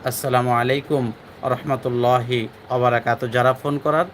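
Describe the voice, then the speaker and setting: A man who teaches Quran reading, reciting Arabic prayer slowly and explaining pronunciation rules in a teacherly way. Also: medium pitch, level tone, a little hiss or hum. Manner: explaining pronunciation rules, asking viewers if they follow. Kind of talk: religious lesson.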